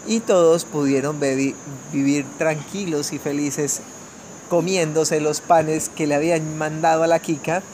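A Colombian family storyteller tells a children's fairy tale gently and unhurriedly, with small restarts and fairly even intonation. His voice is a bit higher than typical for a man. Faint chirping crickets and insects and a light hiss sit in the background.

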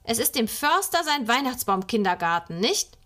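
A woman voicing an eager, excitable little boy, loud and playful. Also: fairly high pitch, normal speed.

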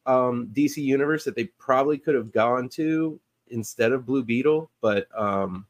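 A man's voice: mid-range voice, normal speed. A man co-hosting a podcast, chatting casually about comic book movies and rambling with many fillers and restarts. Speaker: podcast co-host.

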